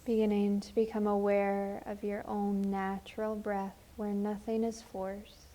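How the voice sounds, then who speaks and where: In this guided meditation, the female teacher uses a calm, soothing voice, taking her time between phrases and leaving long silences. Her voice is medium-pitched and entirely flat.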